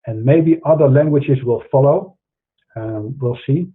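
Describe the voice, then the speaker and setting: A middle-aged man with a Dutch accent, host of an online show, gives an earnest monologue to camera, preaching to his viewers amid many fillers and restarts. His mid-range voice is unhurried and slightly rough, heard through narrow, tinny audio.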